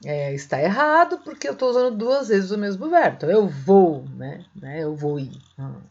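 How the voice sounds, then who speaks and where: A woman's voice: on the low side, big pitch swings, normal speed. Chatty Brazilian woman teaching grammar. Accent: Brazilian Portuguese. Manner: chatty, ends phrases with "tá?" and "né?"; gentle, encouraging. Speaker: Portuguese teacher. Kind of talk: online grammar lesson. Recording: slightly dull lo-fi sound.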